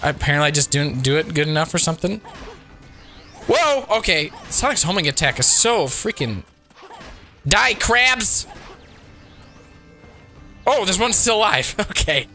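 A man hosting a casual gameplay commentary while sick, his voice still not fully recovered, reacting excitably with frequent exclamations. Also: fairly high pitch, a little slow, long pauses, faint music behind. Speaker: let's play host.

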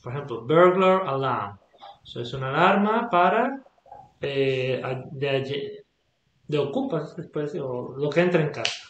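A man's voice: mid-range voice, animated, unhurried, dull audio, a little hiss or hum. A man teaching English vocabulary, patiently repeating words and checking that the student follows. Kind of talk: explaining vocabulary in a lesson. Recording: echoey room.

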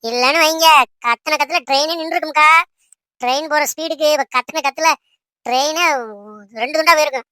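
A woman's voice: sits high, steady tone, brisk, sharp tone. A woman voicing a chatty young village woman in a comedy cartoon, who talks in an eager, pleading way. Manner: pleading, rustic village speech.

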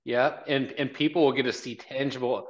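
Talking a little fast with fairly even intonation and a medium pitch, the guest, a college marketing director and event organizer in his fifties, speaks earnestly and repeats his phrases often. The relaxed interview runs over a video call from a small office, with dull, lo-fi sound.

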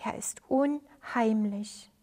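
A man's voice: high voice, slow, mellow. A woman reading a children's story, voicing a small, frightened but honest boy who speaks earnestly and pleads.

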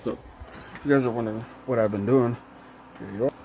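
A man's voice: medium pitch, fast talker, rough recording. A man in his twenties chatting casually in a vlog, talking with a lip full of dipping tobacco. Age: 20s. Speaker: video creator reviewing dip. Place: small cluttered wood-beamed room indoors. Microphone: handheld phone at arm's length. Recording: steady room hum, air-conditioner-like noise.

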